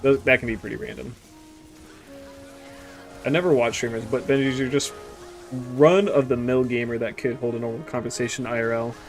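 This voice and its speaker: Brisk and fairly even in intonation, this mid-range male voice pauses often against soft background music. He's a twenty-something gaming streamer chatting casually as he plays, rambling, joking crudely, and drifting off into mutters.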